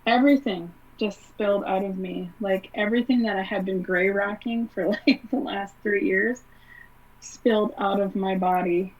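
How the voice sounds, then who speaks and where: A woman, a guest on an interview podcast, telling a personal story in a casual, conversational way, with many fillers. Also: mid-range voice. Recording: slightly distant, dull podcast audio.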